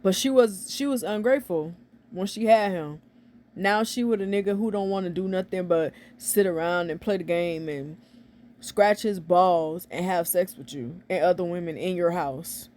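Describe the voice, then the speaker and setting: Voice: medium pitch, normal speed, darkish tone. A movie reviewer retelling a film's plot in a casual, filler-heavy way, with frequent "like" and blunt, opinionated asides. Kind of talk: casual real-time movie recap.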